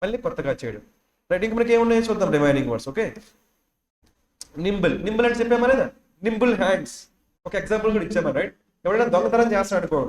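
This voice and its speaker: A man's voice: high voice, roomy sound. A male teacher giving a classroom vocabulary lesson, drilling words and asking students again and again to repeat and write them down.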